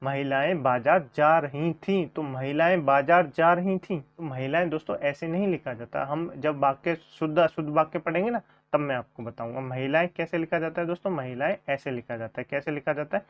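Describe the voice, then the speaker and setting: Talking fairly quickly with hardly any pauses, a man with a voice on the high side teaches grammar in an online coaching session. He quizzes viewers and repeats their answers back, over dull, lo-fi audio.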